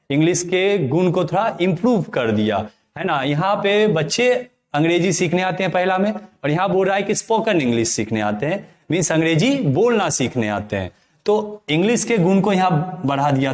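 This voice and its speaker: A man teaches a grammar lesson in a slightly raised voice. He moves at a patient pace, repeats each term, and keeps asking whether his viewers follow. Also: on the high side. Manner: explains slowly and repeats key terms, often checking with "है ना?"; asks the viewers to comment. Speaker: English teacher.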